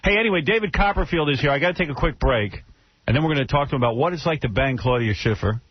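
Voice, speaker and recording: A man's voice: a little high, animated, fast, husky, no echo, lo-fi sound. Brash, crude-joking radio host man. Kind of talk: casual radio banter. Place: radio studio.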